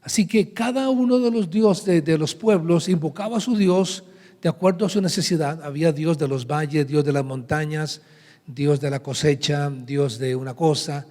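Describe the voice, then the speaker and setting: In a sermon captured live in a large church hall, a male pastor teaches and reads scripture aloud to his congregation. He speaks at a moderate pace in a dark, slightly high voice.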